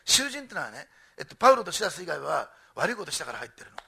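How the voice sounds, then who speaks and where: A man preaching a sermon, animated, swinging from loud emphatic repetition to soft asides. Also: a little high, racing, creaky, husky. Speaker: pastor.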